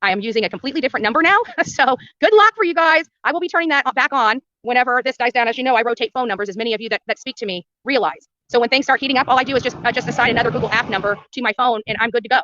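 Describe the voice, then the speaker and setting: She talks very fast with hardly any pauses, her high, pushed, bright voice heard through dull audio without echo. An independent livestream reporter and host of her own show, she is outdoors by a road in front of a house, indignantly and emphatically repeating phrases for effect.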